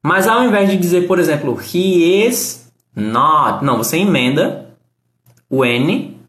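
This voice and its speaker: A man's voice: high voice, very animated, moderate pace, roomy sound. A man giving a casual live-stream English lesson, answering chat comments and explaining grammar patiently.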